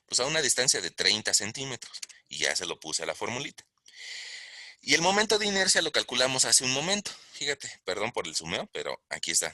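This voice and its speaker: Deep-voiced man lecturing. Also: pushed and bright, no room sound, clean studio sound. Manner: explains step by step, asks the class questions. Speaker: engineering lecturer. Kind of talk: recorded online lesson. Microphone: close mic while writing on a tablet.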